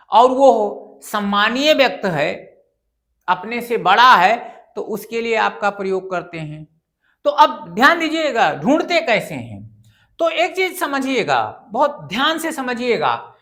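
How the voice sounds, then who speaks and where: A woman's voice: on the high side, sharp tone. A woman teaching a grammar lesson for exam students, patient and repetitive, often asking the class questions. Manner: patient, repeats key points and asks the class questions.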